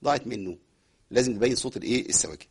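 A man with an Egyptian accent teaching Quran recitation, moving between quick explanations and slow chanted recitation. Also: mid-range voice, lively intonation, husky. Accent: Egyptian Arabic. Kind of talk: recitation lesson.

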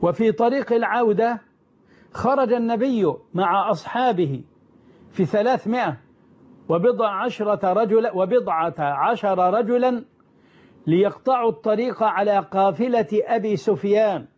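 A man with an unusually high voice tells an old religious story as a storyteller. He is emphatic, rephrasing and repeating lines to press them home. The recording is dull and lo-fi. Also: normal speed, darkish tone. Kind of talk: retelling early Islamic history.

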